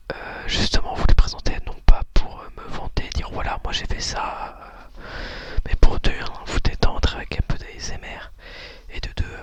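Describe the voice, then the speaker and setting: Hosting talk and poetry readings, a woman speaks in a soft, breathy ASMR whisper. Her pace is unhurried and her delivery hesitant.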